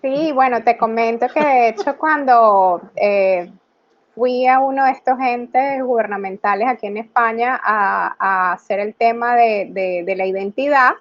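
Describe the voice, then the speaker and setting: A woman in her thirties, a graphologist talking as an interview guest in a relaxed, conversational way with many "eh" and "ok" fillers. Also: on the high side, measured pace, muffled recording. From Venezuela. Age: 30s. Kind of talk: casual video-call interview.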